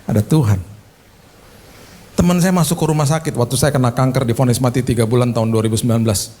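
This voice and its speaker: A man's voice: medium pitch, fast, dark tone. A male pastor preaching a sermon, telling stories emphatically and slipping into casual slang.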